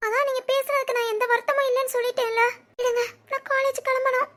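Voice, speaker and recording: A woman voicing a young wife and college student in an animated family drama, speaking with a Tirunelveli Tamil accent, soft and pleading. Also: very high-pitched, fast talker. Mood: tearful. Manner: pleading, tearful, soft-spoken.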